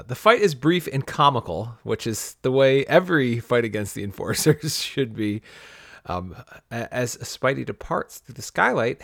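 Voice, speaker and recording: A man's voice: mid-range voice, gravelly, a bit bright, dry recording, clean studio sound. Wry man summarizing comics. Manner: summarizes plot, wry and critical. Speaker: podcast co-host. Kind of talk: casual comic book discussion.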